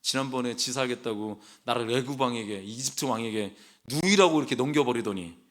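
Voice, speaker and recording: A man's voice: mid-range voice, a little fast, fairly bright tone, pitched below the performer's own voice, lightly acted. A man voicing an exasperated ancient wife who grumbles sarcastically about her husband. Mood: sarcastic grumbling.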